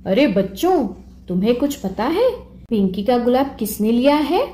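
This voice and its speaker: A woman's voice: on the high side, sing-song, moderate pace, slight background noise. Woman doing a kind, firm dad. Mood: questioning. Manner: gentle lecturing. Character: kind father, firm and caring. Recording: roomy echo.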